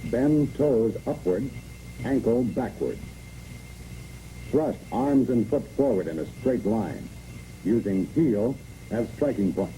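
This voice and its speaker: Slow and mellow with long pauses, a mid-range American male voice gives clipped, step-by-step military orders. He narrates a scripted 1960s training film, his lively intonation coming through a noisy, muffled soundtrack.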